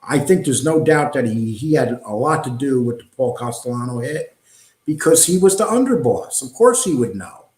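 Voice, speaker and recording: A man's voice: medium pitch, very animated, normal speed, darkish tone. A middle-aged man from New hosts a casual live stream, rambling and reading chat with frequent ums and uhs. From New York. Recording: echoey room.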